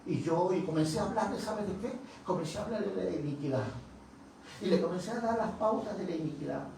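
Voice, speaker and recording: A man's voice: high-pitched, quick pace, vocal fry, a little mellow. A man, a pastor giving a testimony sermon who tells the story dramatically and acts out the dialogue. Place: church hall. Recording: very echoey, distant, noisy church room.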